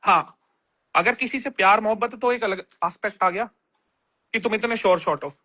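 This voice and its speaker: A man's voice: high voice, fairly quick, pushed and bright. A man on a casual livestream, reading viewer comments aloud and answering them bluntly with plenty of slang.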